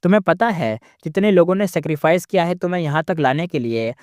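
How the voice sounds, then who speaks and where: A man's voice: a little high, expressive, fast, darkish tone, no room sound, clean studio sound, lightly acted. A man voicing a stern, angry male master immortal who scolds harshly and gives orders. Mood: angry scolding.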